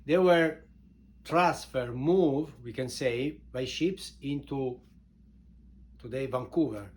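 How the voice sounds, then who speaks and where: A man from Italy with an Italian accent, informally introducing his book in halting non-native English, repeating words for emphasis. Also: mid-range voice, a little mellow. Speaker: author and show host introducing his book.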